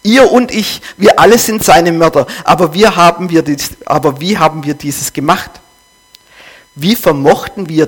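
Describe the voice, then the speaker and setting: Man reading as a frantic male madman, husky, intense questioning, somewhat high voice. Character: frantic male madman crying out over a lost god.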